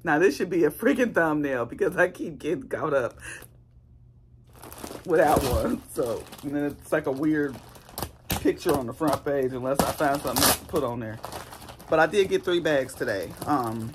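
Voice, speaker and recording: Hoarse, chatty woman vlogger. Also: low voice, animated, normal speed, noisy background. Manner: chatty and rambling. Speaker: YouTuber. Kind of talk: casual haul vlog.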